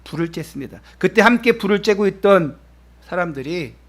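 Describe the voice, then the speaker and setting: A male pastor with a high-sitting voice, expressive and fairly quick, preaches a Sunday sermon at a church service. His delivery shifts from emphatic to hushed and soft as he asks the congregation direct questions.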